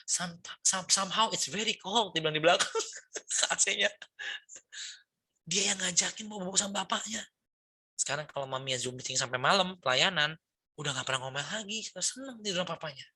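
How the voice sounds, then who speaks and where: Male pastor, middle-aged, very bright tone, preaches like friendly chat, keeps checking in with listeners. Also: sits high, lively intonation, a little fast, long pauses, slightly rough. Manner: chatty, peppers speech with tag questions and English words. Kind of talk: conversational sermon.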